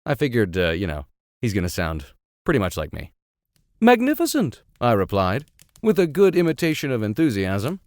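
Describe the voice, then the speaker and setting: In clean studio sound with no room echo, a man with a fairly low, very animated voice reads classic books at a fairly quick pace. As a podcast host, he is playful and sardonic, moving between narration and offhand comic detours.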